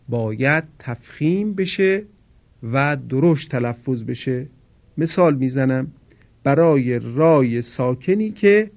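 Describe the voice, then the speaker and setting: A man teaching Quran recitation in a formal broadcast lesson. He explains each rule slowly, carefully and politely, and repeats it. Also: medium pitch, a little mellow, highs cut off.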